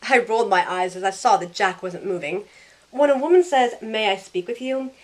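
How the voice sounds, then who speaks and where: Voicing both narrator and protagonist, a young woman tells a first-person tale as a loyal, sassy contemporary heroine, slipping into character dialogue with wry, chatty humor. She speaks at normal speed in a mid-range, darkish voice that is lightly acted.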